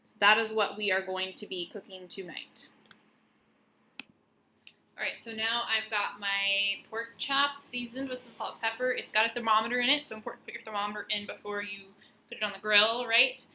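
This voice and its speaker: A woman's voice: mid-range voice, fairly even intonation, moderate pace, sharp tone, slight background noise. A young woman, a nutrition student, chatting informally with lots of fillers as she cooks dinner at home and films it. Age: young adult. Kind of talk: casual cooking vlog with teaching. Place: home kitchen. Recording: echoey kitchen.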